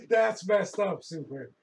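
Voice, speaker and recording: A man hosting a live sports card break, announcing each card pulled with a slow, loud build and casual laughing asides. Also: high voice, gravelly, breathy edge, poor audio.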